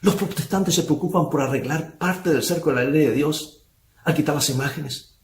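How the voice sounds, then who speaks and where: A man's voice: a little high, normal speed, reverberant, a little hiss or hum. A male pastor preaching a sermon, asking rhetorical questions of the brethren.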